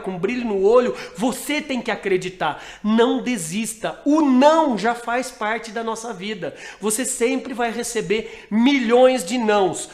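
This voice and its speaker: A man, a sales and motivation speaker, talking directly to his listeners and calling them friends. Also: high voice. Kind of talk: motivational talk. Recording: very echoey room.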